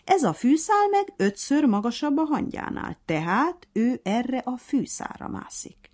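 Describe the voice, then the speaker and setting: Woman doing a storybook hare, male, bossy referee, strict, high-pitched, husky. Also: big pitch swings, darkish tone. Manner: strict, commanding.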